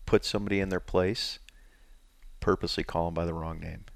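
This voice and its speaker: A man who designs outdoor gear, talking as a guest in a casual chat, animated and quick to laugh. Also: sits low, gravelly, dry recording, clean studio sound. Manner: animated, laughs often, lively storytelling.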